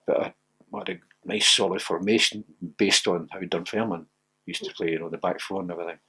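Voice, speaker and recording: Speaking fairly quickly with a breathy edge, an older man who once played football shares anecdotes as an interviewee. His storytelling is lively and full of laughter, rising loud and high whenever excitement takes over.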